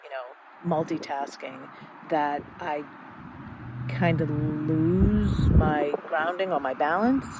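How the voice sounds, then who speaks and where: A middle-aged woman speaking candidly in a halting, reflective personal monologue, with many fillers and restarts. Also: low voice, very noisy. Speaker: podcast host.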